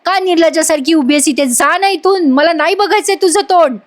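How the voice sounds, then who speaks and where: Woman voicing a dismissive angry husband, high and curt. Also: moderate pace, lightly acted. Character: angry young husband, fed up.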